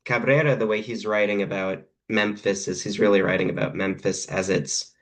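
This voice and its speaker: A man's voice: on the low side, fairly even intonation, moderate pace. A man, a guest translator, explaining his work thoughtfully with some hesitations. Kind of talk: conversational craft discussion.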